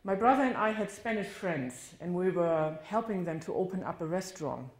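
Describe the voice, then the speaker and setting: A northern German woman with a German accent and an expressive voice on the low side, speaking at normal speed, shares her life story as a guest speaker. The testimony talk is candid and reflective, she corrects herself occasionally, and it's recorded with the roomy sound of a church hall.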